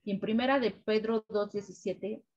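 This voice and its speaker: A woman's voice: medium pitch, steady tone, normal speed. Woman teaching a devotional, dull lo-fi sound. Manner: keeps adding "right?" tags, gentle repetitive preaching. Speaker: devotional co-host. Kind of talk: weekly Bible devotional teaching.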